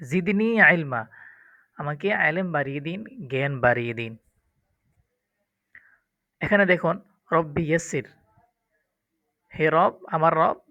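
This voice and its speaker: A man's voice: on the high side, pushed and bright, no room sound. A man teaching the Arabic alphabet for Quran reading, speaking. He explains patiently and repeats each letter sound for his learners. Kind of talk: recorded lesson on Arabic letters. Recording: dull, lo-fi, dry.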